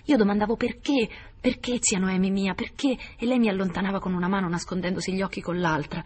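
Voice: mid-range voice, steady tone, fast talker, slight background noise, pitched above the performer's own voice, natural voice. Reader doing a young guy at his wits end, pleading, half whispered, audiobook style. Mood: distressed. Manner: emotional, pleading, sometimes whispered. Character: young man, anguished and impulsive nephew. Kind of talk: audiobook character voice.

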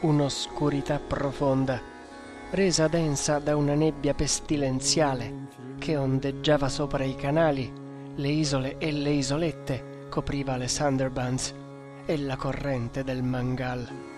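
A man reading an adventure novel aloud in measured storytelling narration. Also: mid-range voice, flat delivery, music in the background. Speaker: audiobook narrator. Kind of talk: scripted narration.

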